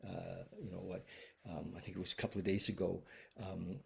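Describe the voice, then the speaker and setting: A man hosting a recovery video from home, talking casually and gently, with many restarts, and apologetic. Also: low-pitched, little pitch movement, moderate pace, creaky, husky. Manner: rambling, many restarts and fillers. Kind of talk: casual heartfelt talk. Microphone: webcam video stream.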